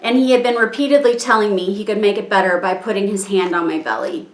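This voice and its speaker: A woman reading her own written statement aloud in a measured, halting way, strained and struggling to keep her composure. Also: mid-range voice. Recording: echoey room.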